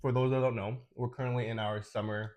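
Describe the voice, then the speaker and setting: A man's voice: medium pitch, little pitch movement, fast talker, darkish tone, muffled recording, a little hiss or hum. A young man in his twenties raised in Georgia, hosting a casual chat over food in a playful, joking way. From raised in Georgia, USA. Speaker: host. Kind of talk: casual podcast chat while eating.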